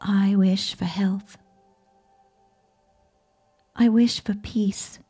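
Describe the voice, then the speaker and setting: A woman reads a sleep story softly, as if right in your ear. Her voice is very dark and mellow, breathy and half-whispered. She takes her time with every phrase, keeping it gentle and soothing. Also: medium pitch, fairly even intonation, extremely slow, faint music behind. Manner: whispery, close in the listener's ear. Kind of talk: soft ASMR scripted bedtime narration.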